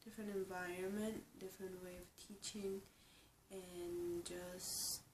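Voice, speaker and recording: A young woman in her twenties from Ecuador, a native Spanish speaker, giving a reflective, halting personal interview with frequent restarts. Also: fairly low pitch, flat delivery, background noise. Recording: roomy echo, distant mic, faint ambience.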